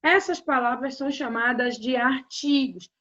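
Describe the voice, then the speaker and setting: High-voiced woman teaching grammar slowly. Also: a bit bright. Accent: Brazilian Portuguese. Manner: slow, deliberate explanation addressing students directly. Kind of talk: grammar lesson narration. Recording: dull lo-fi audio.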